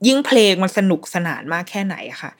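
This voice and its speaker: Woman host, casual solo review, lower-pitched voice, chatty and animated with restarts. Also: quick pace. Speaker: podcast host reviewing a series.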